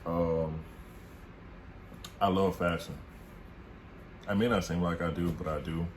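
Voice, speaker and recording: In a noisy room, a man in his 20s talks on a couple's vlog with a low-pitched, fairly even voice at a measured pace. His manner is easygoing and goofy, and he pumps himself up as he chats.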